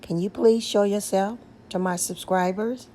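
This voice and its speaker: A paranormal vlogger, a woman with a deep, coarse voice, slowly and gently calls to spirits on her front porch, then chats casually with viewers. Her hushed, pleading calls repeat with fairly even intonation. The external microphone picks up a little hiss or hum.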